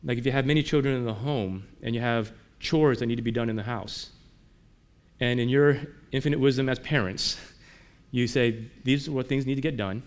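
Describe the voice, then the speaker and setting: A male pastor delivering a sermon at a middle pitch. He talks to the congregation like a conversation, with frequent rhetorical questions. His delivery swings between emphatic pushes and softer, quieter passages. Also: a little fast.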